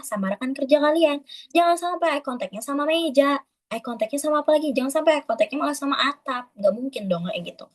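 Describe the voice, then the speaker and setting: Fast-talking woman giving a lively lesson. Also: sits high, rough recording. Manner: chatty, addresses listeners as friends, demonstrates flat and lively delivery. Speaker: webinar speaker. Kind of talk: casual instructional talk.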